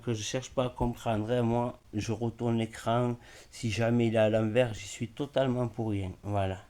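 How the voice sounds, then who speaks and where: A man giving horse racing betting tips in a casual live stream, speaking haltingly and filling pauses with the same word. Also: mid-range voice, little pitch movement, warm tone, slight background noise. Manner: slow, halting, repeats "voilà" often. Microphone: smartphone.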